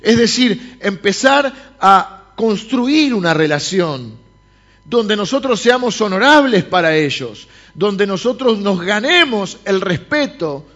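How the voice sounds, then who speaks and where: Male pastor with a Rioplatense accent, higher voice, preaching to the congregation, dull recording. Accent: Rioplatense Spanish. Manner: lively, speaks directly to the congregation. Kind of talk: sermon. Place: church service.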